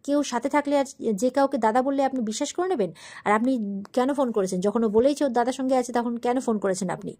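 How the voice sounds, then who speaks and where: A woman's voice: on the high side, quick pace, darkish tone, lightly acted. A woman reading the lines of a hurt young husband who snaps at his family. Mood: curt. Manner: curt, snapping. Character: angry heartbroken young husband.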